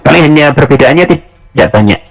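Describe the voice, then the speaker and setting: Young guy teaching toefl online, kinda high voice, chatty, keeps correcting himself. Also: expressive, brisk, vocal fry, rough recording. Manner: casual, self-correcting, chatty asides. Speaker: English test tutor.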